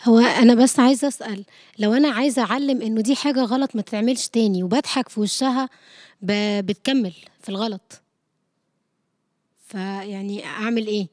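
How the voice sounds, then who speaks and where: A woman's voice: fairly high pitch, fast, darkish tone. A woman with an Egyptian Arabic accent, a mother asking a question and explaining her own situation at home. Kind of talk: question from the audience.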